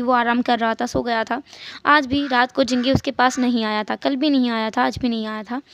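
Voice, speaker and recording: A woman narrating a fan fiction story in a plain, steady retelling manner. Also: on the high side, lo-fi sound.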